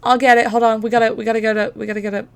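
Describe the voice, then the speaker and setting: A woman's voice: fairly high pitch, level tone, rapid-fire, creaky, clear, resonant tone. A woman hosting a casual livestream, chatting in an informal, profane, talkative way. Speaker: live stream host.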